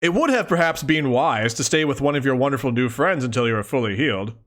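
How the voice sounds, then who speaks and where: A man's voice: medium pitch, animated, quick pace, fairly bright tone. A man reading a visual novel aloud for a let's play at home, breaking off to joke with chat. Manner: playful, reads narration then jokes to chat and cat. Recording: faint game music underneath.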